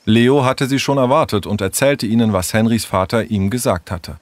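A man narrating a children's audiobook in an expressive storytelling manner. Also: on the low side, normal speed, no room sound.

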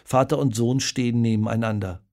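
A man reading a children's story aloud, dramatic and lively in his storytelling. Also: mid-range voice, brisk. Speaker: narrator. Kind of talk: storybook narration.

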